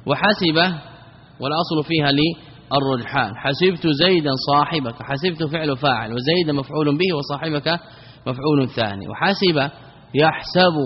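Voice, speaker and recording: Guy teaching grammar, kinda high husky voice, keeps repeating terms and asking himself stuff, dull recording. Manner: repeats key terms, asks and answers his own questions. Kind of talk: classical Arabic grammar lesson. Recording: dull recording in a reverberant hall.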